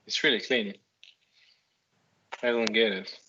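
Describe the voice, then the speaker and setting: A man's voice: fairly low pitch, fairly even intonation, unhurried, muffled recording, very noisy. A man chatting casually as a participant on a livestream. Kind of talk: casual chat.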